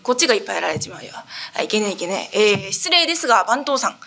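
A woman voicing a brash, cheeky young townsman in a rakugo storytelling performance, with quick slangy banter. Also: medium pitch, big pitch swings, vocal fry, pushed and bright, full character voice.

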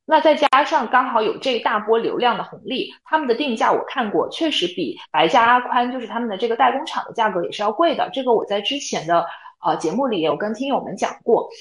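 A woman's voice: fairly high pitch, lively intonation, fast, reverberant, rough recording. A woman co-hosting a podcast, explaining her views point by point in a casual analytical chat. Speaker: podcast co-host.

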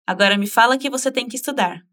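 A woman teaching a language lesson in a slightly high voice. She is patient and encouraging, modeling each phrase slowly and asking the listener to repeat after her. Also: a bit bright, a little hiss or hum.

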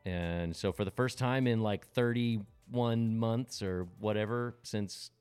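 A man's voice: fairly low pitch, takes it slowly, darkish tone, smooth, faint music behind. A man hosting a casual podcast chat through a face mask that slightly muffles him, joking at his own expense while tired from recovering from covid. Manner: self-deprecating, joking. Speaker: podcast host.

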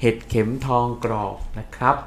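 A man co-hosting a casual live-streamed talk show in Thai, chatting and reading out sponsor details. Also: slight background noise. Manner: friendly, reads out sponsor details slowly. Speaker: co-host of a live podcast.

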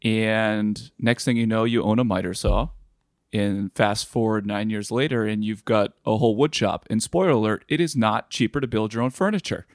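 A man's voice: lowish voice, normal speed, no room sound. A man who is a woodworker, a guest on a podcast, telling stories with dry, wry humor. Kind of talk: casual interview chat.

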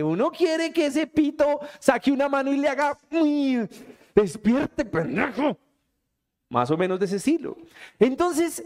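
A man preaches from the pulpit. He keeps it light and teasing, acting out quick everyday scenes in put-on voices. He speaks to a church congregation. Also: high-pitched. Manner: playful, acts out little scenes in quick quoted voices. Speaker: pastor. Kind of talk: lively sermon.

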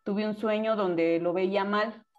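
A woman host, chatting casually and thoughtfully, pausing to find her words. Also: medium pitch, steady tone, highs cut off, soft background music. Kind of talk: casual chat.

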